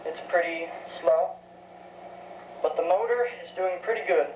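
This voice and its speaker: Unhurried, in a lowish voice, a seventeen-year-old girl who loves vintage tech demos her tape recorder casually and without a script. She's hesitant, musing aloud as she goes. There's roomy echo and a bit of faint background noise.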